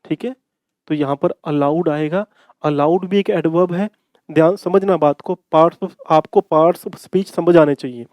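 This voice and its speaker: A man's voice: a little high, measured pace, darkish tone, no room sound. A man teaching an exam-prep English grammar lesson, repeating key phrases and answering his own questions. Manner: calls students "bhai".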